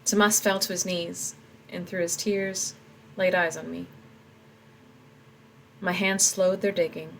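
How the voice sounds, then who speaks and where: Woman author reading and editing aloud, low voice, reflective, light background noise. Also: flat delivery, a little slow, creaky, long pauses, a bit bright, rough recording. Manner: reflective, talks through her edits. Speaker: author editing her own story. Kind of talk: reading aloud and commenting on edits.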